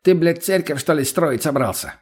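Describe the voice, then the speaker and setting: A man putting on a cocky, foul-mouthed young thug for a storybook reading, in a raised, husky voice. He needles and curses nonstop. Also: on the high side, lively intonation, normal speed, voice pushed up.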